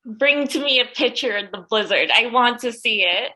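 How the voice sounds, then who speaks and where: Bright, high-voiced excitable woman. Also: normal speed, a little hiss or hum, low-quality recording. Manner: excitable, playfully teasing. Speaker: book channel host. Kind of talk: casual chat on a video call. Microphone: video call.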